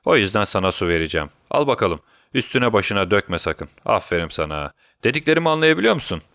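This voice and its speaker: A man's voice: fairly low pitch, very animated, fast talker, fairly bright tone, no room sound, studio quality. A man voicing a scheming, mocking villain doctor in a storybook reading, gloating and taunting.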